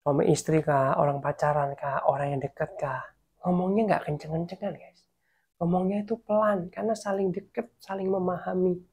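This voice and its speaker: A man preaching a casual devotional sermon, chatting with listeners as "guys", sometimes dropping to a soft hush and sometimes urging them louder. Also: sits high, fairly even intonation, a little fast, husky. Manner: chatty, addresses listeners as "guys", mixes in English words; swings between soft, hushed passages and louder urging.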